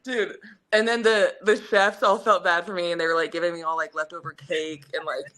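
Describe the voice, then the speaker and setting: Bright-voiced woman telling a rambling story. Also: on the low side, brisk. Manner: rambling, animated storytelling with many fillers. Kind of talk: casual podcast chat.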